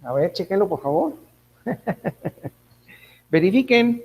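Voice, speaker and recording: A man's voice: high voice, big pitch swings, takes it slowly, a little mellow, a little hiss or hum, poor audio. Self-correcting male physics teacher. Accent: Mexican Spanish. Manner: thinks aloud, corrects himself, asks students checking questions. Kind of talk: online class lecture.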